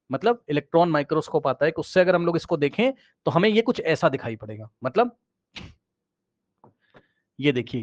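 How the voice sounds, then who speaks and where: Male chemistry teacher, fairly high voice, casual and repetitive, slightly muffled lo-fi recording. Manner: repeats key phrases, checks in with "है ना", "ठीक है"; often drops to a quieter voice while pointing at the screen. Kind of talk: casual classroom explanation.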